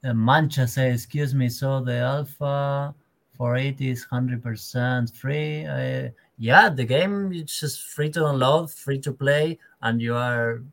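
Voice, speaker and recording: A man's voice: medium pitch, fairly even intonation, slow pace, gravelly, a bit bright. Friendly man reading out viewer comments. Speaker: podcast co-host. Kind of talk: casual podcast chat.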